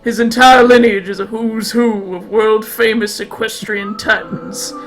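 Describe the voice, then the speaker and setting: A woman putting on a gruff, solemn male cowboy narrator voice for a game, talking low and slow. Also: fairly even intonation, faint music behind, rough recording.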